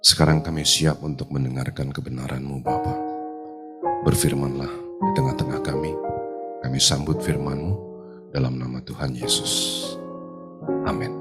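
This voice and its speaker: A man's voice: rumbling low, little pitch movement, moderate pace, long pauses, over loud music. A man preaching a sermon at a live church service, his voice nasal from a cold, with an emphatic delivery. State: stuffy nose from a cold. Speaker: pastor.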